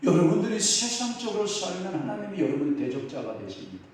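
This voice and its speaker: A middle-aged pastor questions his congregation as he preaches, folksy and quick to joke about his own family. His voice rings through a very reverberant church hall. He sounds a little off the microphone. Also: sits high, very animated, a little hiss or hum. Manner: asks the congregation questions and waits for replies; folksy, jokes and acts out family quotes. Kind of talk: Wednesday evening prayer service sermon. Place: church sanctuary. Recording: very echoey hall, mic at a distance.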